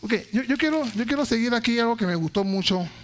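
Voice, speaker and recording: A male pastor preaching a sermon, telling a personal story that climbs into shouted praise. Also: very high-pitched, lively intonation, fast talker. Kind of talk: sermon with testimony.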